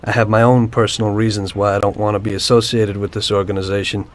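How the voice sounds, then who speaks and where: In a video game cutscene, an actor plays a former cab driver turned mafioso, now an informant, who calmly and unrepentantly recounts his past to a detective. The storytelling is cool and matter-of-fact. His voice is lowish and fast, only lightly acted.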